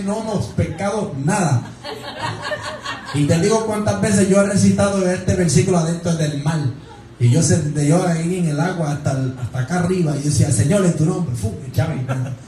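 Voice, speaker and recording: Man, storytelling sermon, high voice, far off in a booming church. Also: a little mellow, very echoey, slight background noise. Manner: storytelling preaching with frequent "gloria al Señor" and "¿verdad?". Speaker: preacher. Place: church sanctuary.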